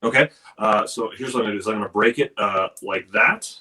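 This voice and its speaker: A man's voice: on the low side, fairly quick, bright, forceful tone, distant mic. A man doing a magic trick on a video call, chatting casually with many fillers. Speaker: magician guest.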